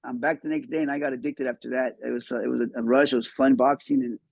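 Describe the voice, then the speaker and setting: Guy in his 50s from mexico, rapid gravelly talk, dry dull-sounding audio. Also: medium pitch, fairly even intonation, darkish tone, no room sound. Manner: fast, repeats words as he talks. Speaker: podcast guest. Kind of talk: casual interview storytelling.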